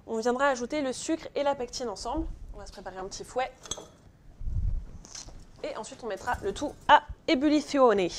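A woman runs a live pastry class from a kitchen, her voice on the higher side. She talks casually, tosses jokes to viewers and keeps asking "ok?". Faint background noise sits under her voice. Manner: chatty, joking asides to viewers; often checks with "ok?". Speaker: pastry instructor. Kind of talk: live online baking class.

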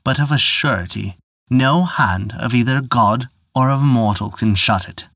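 A man giving voice to a quiet young weaving goddess. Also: mid-range voice, measured pace, no room sound, studio quality. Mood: soft. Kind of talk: storybook narration.

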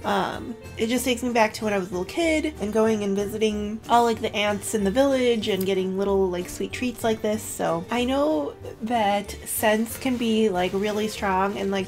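Here the same kind of beauty vlogger has a slightly high, darkish voice as she talks to camera. Emotional and close to tears, she chats along with plenty of "like" fillers and keeps correcting herself.

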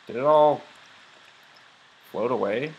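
The audio here is narrow and tinny, carrying a medium-pitched voice at a slow pace. A young man chats his way through a video game in casual let's play commentary, rambling with lots of fillers.

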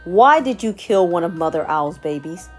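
A woman voicing a male lion king who speaks loudly with authority. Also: lowish voice, expressive, normal speed, faint music behind, lightly acted. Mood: stern. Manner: loud, authoritative.

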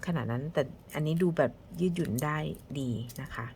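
Low-voiced woman chatting softly through an unboxing. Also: a little fast, a little hiss or hum. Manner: chatty, soft-spoken, drifts into whispers while handling cards. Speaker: tarot card reviewer. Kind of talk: casual unboxing review.

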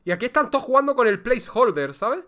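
A man with a Spain Spanish accent streaming a video game, chatting casually with excitable, theatrical, joking complaints. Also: extremely high pitch, quick pace. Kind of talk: casual livestream gameplay chatter.

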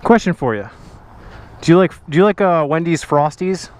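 A man's voice: fairly high pitch, lively intonation, normal speed, darkish tone. A man chatting casually and in a friendly, slangy way as a motorcycle vlogger, talking from inside his helmet outdoors. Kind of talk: casual chat with people on the street. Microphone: helmet-mounted action camera setup.

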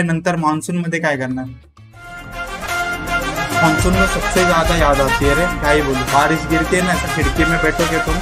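Male streamer, slightly high pitch, rambling jokey chat, faint music underneath. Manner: joking, rambling, reads out donations. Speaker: live streamer. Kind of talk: casual live-stream chat.

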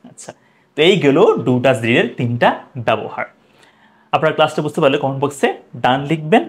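A man teaching English in a video lesson. He repeats example sentences slowly and keeps asking the viewer questions. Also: medium pitch, animated.

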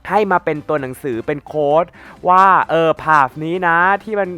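A young man with a higher-than-usual voice, slightly stuffy from a cold, narrating his gameplay in a loose, rambling way. He speaks directly to his audience in easy asides. Faint game music plays softly behind him. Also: normal speed, clear, resonant tone. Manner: chatty, addresses viewers directly, rambling asides. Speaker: gaming YouTuber. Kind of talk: casual gameplay commentary.

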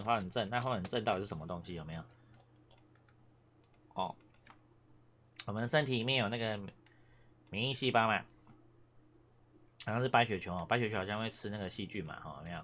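A man's voice: lowish voice, a little fast, pauses often, a bit bright. A man teaching Japanese in a casual classroom lecture, rambling and repeating himself with many fillers, coughing now and then.

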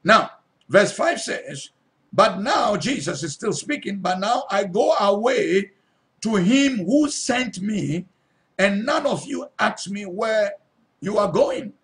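Speaking slowly and expressively, this preacher has a high, slightly bright male voice. His sermon works through Bible passages, reading them out, repeating and stressing key lines, and often asking if people are paying attention.

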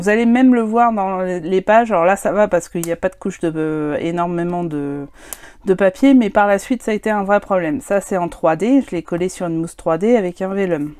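A woman's voice: mid-range voice, darkish tone, no room sound. Chatty woman showing her scrapbook. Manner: chatty, hesitant, many fillers, self-deprecating. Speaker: scrapbooking vlogger. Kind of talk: casual show-and-tell of crafts.

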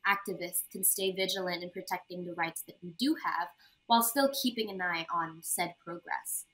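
A woman's voice: on the low side, moderate pace, a bit bright, rough recording. A teenage girl from Indonesia interviewing a guest on a video call, polite and a little hesitant. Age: teens. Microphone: video call webcam.

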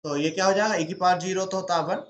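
Man explaining step by step, high voice. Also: fairly even intonation, quick pace, fairly bright tone, reverberant, highs cut off. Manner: asks himself questions and answers them step by step. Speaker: teacher. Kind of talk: exam-prep lecture.

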